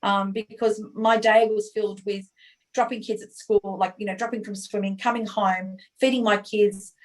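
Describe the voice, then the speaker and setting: A middle-aged woman speaks as an interview guest, telling her life story with candour. She talks at an everyday pitch and brings scenes to life by acting out what she and others said. Her delivery is animated and personal. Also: normal speed, rough recording. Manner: animated, acts out her own past dialogue.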